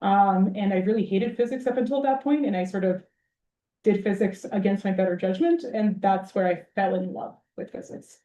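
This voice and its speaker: After a public lecture at a university, a Belgrade-born Serbian researcher answers the audience casually, wry and quick to poke fun at herself. Her medium-pitched, mellow voice holds a steady tone at a moderate pace. The sound is lo-fi with slight background noise and the hall's roomy acoustics.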